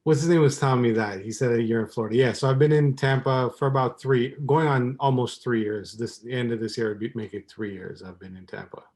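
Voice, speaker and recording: A man in his thirties from Trinidad talks easily in a casual podcast chat. His voice sits at an ordinary middle pitch, and he wanders through his thoughts with plenty of ums and likes. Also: a little fast, hardly any pauses. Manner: rambling, relaxed, many ums and likes. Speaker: podcast guest, cooking YouTuber.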